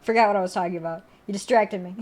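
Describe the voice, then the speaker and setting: A woman's voice: medium pitch, fast, darkish tone, soft background music. A young woman streamer chatting casually while drawing, rambling and correcting herself, often laughing.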